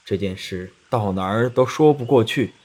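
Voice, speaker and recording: A man voicing a gentle, preachy male monk in a children's story, speaking slowly and solemnly. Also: fairly low pitch, natural voice. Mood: reproachful. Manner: slow, solemn, reproachful.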